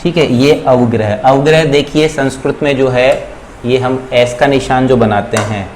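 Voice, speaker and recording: A man teaching Sanskrit grammar in a classroom-style lecture, with a Rajasthani Hindi accent, drawing out each example slowly and repeating it. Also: mid-range voice, a little mellow, slight background noise, low-quality recording.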